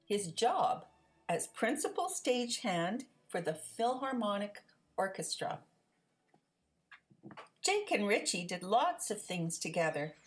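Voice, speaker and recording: A woman reads a children's picture book aloud in a medium-pitched voice, telling the story in an expressive, deliberate way.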